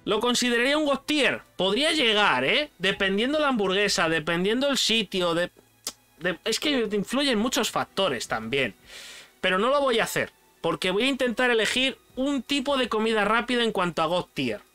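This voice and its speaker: A man's voice: high voice, normal speed, clean tone, faint music behind. A young man from Spain with a Spanish accent, chatting casually and animatedly while ranking foods for his channel, full of slang. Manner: animated, slangy, addresses viewer as "tío". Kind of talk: casual chat, food tier list.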